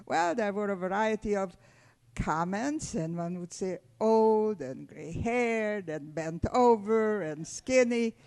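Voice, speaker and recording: Old lady telling her story to schoolkids, slow and careful, talks right to the children. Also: mid-range voice, animated, darkish tone. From Hungary. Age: 80s. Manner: measured, deliberate, addressing children directly. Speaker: Holocaust survivor speaking to students. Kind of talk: testimony talk to a school audience.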